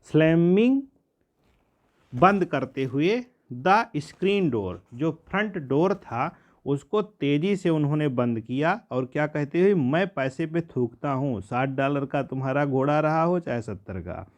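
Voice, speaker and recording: Male teacher, slow line-by-line reading with explanations, slightly high voice. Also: expressive, dull audio. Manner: reads English slowly, then explains each line in Hindi with questions to the class. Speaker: English teacher.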